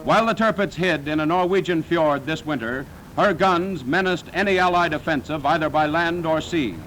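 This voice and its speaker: A man's voice: on the high side, moderate pace, fairly bright tone, faint music behind, rough recording. A man narrating a 1940s wartime newsreel in a dramatic, solemn, declaiming manner.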